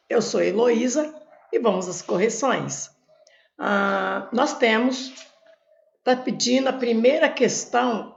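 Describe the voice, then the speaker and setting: A woman's voice: a little high, creaky, roomy sound, a little hiss or hum. A woman teaching Portuguese grammar for an exam, explaining step by step, with a Brazilian Portuguese accent, who asks questions and then answers them herself. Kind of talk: exam prep lesson, explaining on a board. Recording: dull lo-fi recording.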